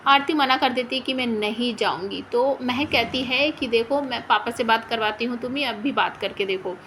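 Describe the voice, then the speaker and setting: A woman retelling a serial's plot in a steady storytelling way, her voice sitting fairly high. A faint background hum sits under her. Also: normal speed. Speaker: narrator recapping a TV serial. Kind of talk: spoken plot recap.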